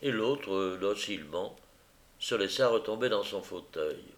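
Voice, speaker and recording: Slow, measured male narrator. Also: on the low side, expressive. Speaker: audiobook narrator. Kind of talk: literary audiobook narration.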